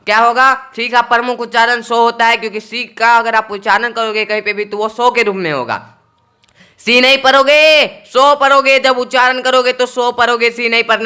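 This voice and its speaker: Bright, high-voiced male tutor. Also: smooth. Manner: playful, repetitive explaining with Hindi-English mixing. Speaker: English pronunciation teacher. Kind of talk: online video lesson.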